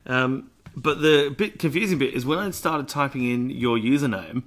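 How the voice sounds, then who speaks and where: A man's voice: medium pitch, moderate pace, fairly bright tone. A man co-hosting a podcast in casual chat, rambling and self-mocking, laughing often. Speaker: podcast co-host.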